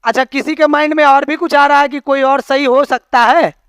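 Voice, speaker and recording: A male teacher with a very high, slightly bright voice talks fairly quickly with fairly even intonation. Recorded dry and close with no echo in a classroom, he explains through homely analogies and keeps asking students questions to check they follow.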